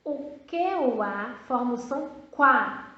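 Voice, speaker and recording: A woman teaching a video lesson for young children, modeling words slowly and drawing out each one with sing-song prompts. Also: a little high. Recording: echoey, dull lo-fi room sound.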